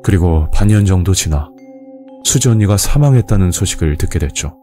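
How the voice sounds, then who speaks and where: A man's voice: low voice, animated, brisk, warm tone, faint music behind. A man narrating a scripted first-person horror story.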